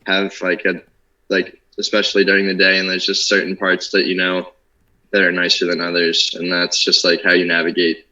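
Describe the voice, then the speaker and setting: A man from a suburb near Philadelphia, talking in a relaxed, rambling way full of "like" and "um" in an online discussion. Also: low-pitched, lo-fi sound. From suburb near Philadelphia, United States. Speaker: university student in an online discussion. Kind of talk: casual discussion.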